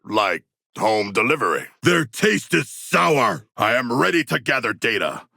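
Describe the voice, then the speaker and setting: A man voicing a huge, proud humanoid shark warrior in a video game, speaking in formal, grandiose phrases with a gravelly, husky voice. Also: mid-range voice, big pitch swings, a little slow, pushed and bright, no echo, studio quality, full character voice. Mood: earnest, matter-of-fact. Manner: formal, grandiose, stilted diction. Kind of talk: video game character voice lines.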